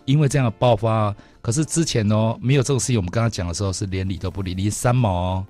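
Fast-talking Taiwanese Mandarin radio host. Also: male voice, fairly low pitch, faint music behind. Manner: fast, animated storytelling with laughs. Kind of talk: casual radio chat. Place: radio studio.

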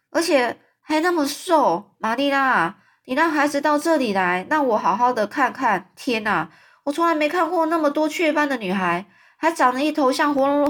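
A blunt middle-aged neighbor woman in a storybook, voiced by a woman narrator, who scolds with no tact at all. Her voice is pitched up and pushed a little louder than normal talk.

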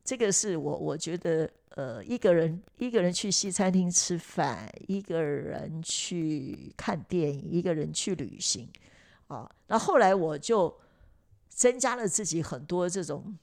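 Gravelly-voiced woman chatting reflectively. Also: fairly low pitch, lively intonation, measured pace, darkish tone. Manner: reflective, chatty, many fillers and restarts. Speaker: podcast host. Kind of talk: casual chat.

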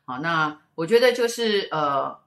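Low-voiced middle-aged woman telling stories. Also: lively intonation, measured pace, a bit bright. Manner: rambling, many fillers and repeated words. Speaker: co-host and spiritual teacher. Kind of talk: casual storytelling chat. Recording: roomy echo.

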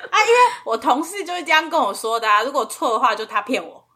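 A woman's voice: high-pitched, lively intonation, fast, bright, forceful tone, breathy edge. A woman with a Taiwanese accent telling stories casually and informally as a podcast co-host. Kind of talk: casual chat, storytelling.

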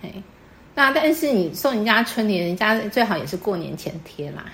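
A woman's voice: mid-range voice, very animated, a little fast, a bit bright, a little hiss or hum. A woman, patiently explaining customs to a guest in casual chat and quizzing her as she goes. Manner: patient, teacherly, quizzes the listener. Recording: echoey room.

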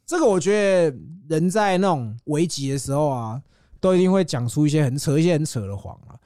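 Fast, lively Taiwanese man telling stories. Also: on the high side, no room sound, clean studio sound. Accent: Taiwanese Mandarin. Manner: animated storytelling, swears, laughs often. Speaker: podcast co-host. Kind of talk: casual crude podcast chat.

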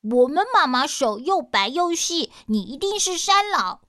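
A woman voicing a group of alert young children who refuse to open the door, high and insistent. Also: expressive, normal speed, bright, forceful tone, no room sound, studio quality, full character voice. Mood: defiant.

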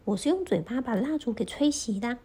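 A woman voicing a clever little boy monk under ten, with a high, bold and breathy voice. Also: lively intonation, a little fast, warm tone. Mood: innocent.

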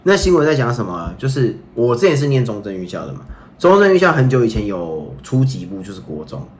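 A man with a Taiwanese Mandarin accent co-hosting a podcast, telling stories in an animated, playful way with bursts of bragging. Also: medium pitch, brisk. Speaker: podcast co-host. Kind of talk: casual chat.

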